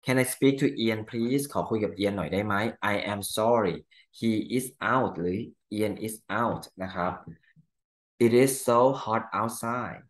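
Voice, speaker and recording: Thai man teaching English, low voice. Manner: explains each answer in Thai, reads English lines slowly. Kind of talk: exam answer walkthrough.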